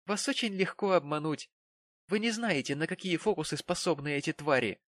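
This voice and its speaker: A man voicing an affected, indignant young woman with a shrill, fussy manner. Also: fairly quick, a bit bright, no echo, lightly acted.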